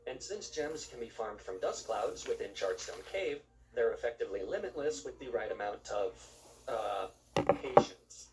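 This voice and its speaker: A man's voice: medium pitch, lively intonation, normal speed, darkish tone, echoey room, distant mic, slight background noise, poor audio. A man narrating gameplay from a script as a video host, with wry, joking asides.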